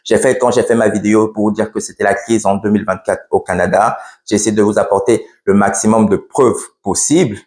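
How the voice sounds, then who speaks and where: A man with a lowish voice vlogging in a blunt, matter-of-fact way, often restarting his sentences. His voice echoes noticeably around the room he records in. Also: steady tone, fairly quick, a little mellow. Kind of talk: casual explainer vlog.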